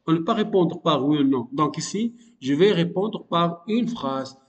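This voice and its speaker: A man teaching a grammar lesson, explaining slowly and patiently with frequent fillers and repetition. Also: fairly high pitch, expressive, in a large hall, dull audio.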